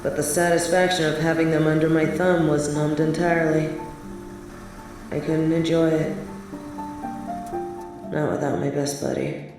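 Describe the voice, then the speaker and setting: In a scripted audio-drama monologue, a voice actress portrays a young woman biker on a date, sharing her memories in a wistful, bitter, defiant way. She speaks at a measured pace with long pauses in an ordinary middle pitch. The recording is very echoey and distant, with music underneath.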